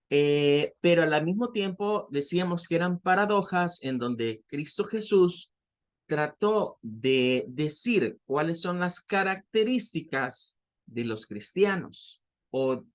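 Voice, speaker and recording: A man teaching an English lesson in Spanish, slowly repeating words to drill their pronunciation and often asking "¿verdad?". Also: on the high side. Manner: fills pauses with "¿verdad?".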